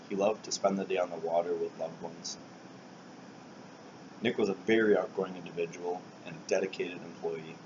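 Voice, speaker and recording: A man reads a prepared eulogy in a solemn manner, with his phrases trailing off softly. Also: deep voice. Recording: dull lo-fi recording, loud air-conditioning hiss.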